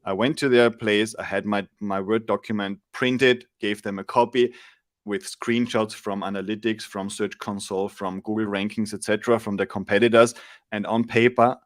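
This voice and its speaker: Appearing as a guest on a video call from a room in his home, a fortysomething SEO agency founder from Austria gives thoughtful explanations with frequent restarts in a casual interview. His fairly low voice holds a fairly even intonation at moderate pace, and the large studio mic on an arm yields clean, echo-free sound.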